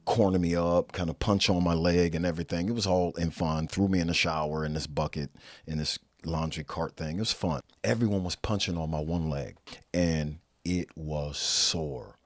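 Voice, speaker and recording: A man's voice: deep voice, steady tone, normal speed, no room sound, studio quality. A man casually recounting his own time in prison, candid and profane, rambling with restarts. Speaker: former inmate telling his story. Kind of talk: casual storytelling. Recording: music playing underneath.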